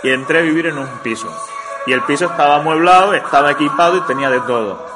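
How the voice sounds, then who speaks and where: A man's voice: fairly high pitch, quick pace. Joking man, co-host, music behind. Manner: crude absurd jokes, playful fake-Portuguese words. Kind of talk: comedic radio banter.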